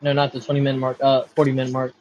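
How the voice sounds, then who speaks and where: A man's voice: mid-range voice, completely flat delivery, rapid-fire, darkish tone, slight background noise. A young man hosting a casual livestream, talking loosely with lots of fillers. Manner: loose, filler-heavy, keeps track of time. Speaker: livestream host. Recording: dull lo-fi stream audio.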